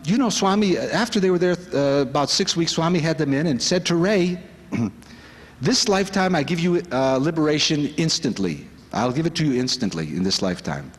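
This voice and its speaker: A man giving an earnest, reflective devotional talk at a spiritual retreat, telling stories to the audience. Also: a little high. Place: conference hall. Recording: long hall reverb.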